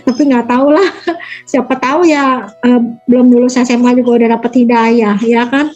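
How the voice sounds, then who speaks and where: Chatty woman in her 40s, high voice, rambling story in an interview, faint music behind. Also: fairly even intonation, normal speed, a little mellow, highs cut off. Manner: chatty, acts out quoted people in a higher voice. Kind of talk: casual storytelling.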